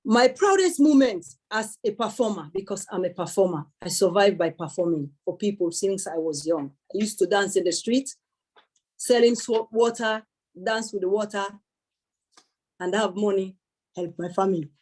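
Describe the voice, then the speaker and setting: A woman's voice: mid-range voice, expressive, normal speed, darkish tone. A young woman giving an earnest public speech at a celebration, emphatic, repeating her key words and thanking many people. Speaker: speaker at a celebration event.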